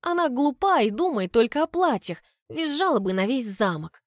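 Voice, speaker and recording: A woman's voice: high-pitched, sing-song, moderate pace, dry recording, studio quality, voice pushed up. Woman playing a fiery, tearful young girl. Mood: upset, defiant. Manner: emotional, impulsive, tearful. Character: spirited, stubborn young noble girl.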